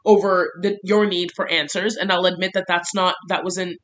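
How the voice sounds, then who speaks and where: A woman talks straight to camera in a confessional diary vlog, her tone bright and forceful. She rambles candidly, filling her talk with "like", and her voice climbs and hurries when she gets agitated. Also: on the low side, fairly even intonation. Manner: candid, rambling, heavy use of "like"; voice rises and quickens when agitated. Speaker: vlogger.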